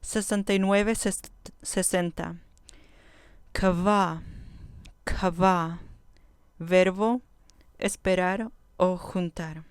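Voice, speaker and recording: A woman teaching a vocabulary lesson, saying each word slowly and carefully and repeating it before giving its meaning. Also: fairly low pitch, fairly even intonation, clear, resonant tone, no echo. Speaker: Biblical Hebrew teacher.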